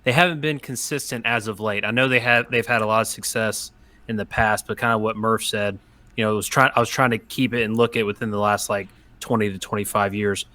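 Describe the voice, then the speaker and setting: A man co-hosting a college football podcast, explaining his picks in a measured way. His voice is bright and forceful and sounds dry and close. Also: on the low side, steady tone, dry recording. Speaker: podcast co-host. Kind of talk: casual sports debate.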